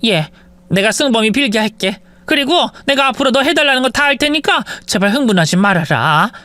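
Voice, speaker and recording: A woman's voice: a little high, lively intonation, brisk, a bit bright, dry recording, voice pushed up. A narrator voicing a frantic older mother-in-law who pleads and wheedles in a spoken-story drama.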